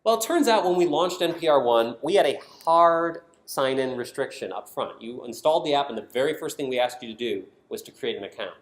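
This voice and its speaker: An American man on a conference design team delivers a prepared presentation, driving his points home in short, punchy, emphatic statements. His mid-range voice is expressive and fairly quick, with few pauses. The indoor session room gives the recording a roomy echo.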